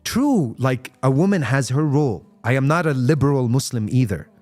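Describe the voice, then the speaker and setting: A man's voice: mid-range voice, lively intonation, moderate pace, darkish tone, faint music behind. A man giving an impassioned live-stream talk on faith, answering viewers' comments and mixing English with Arabic phrases and rhetorical questions. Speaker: Islamic speaker.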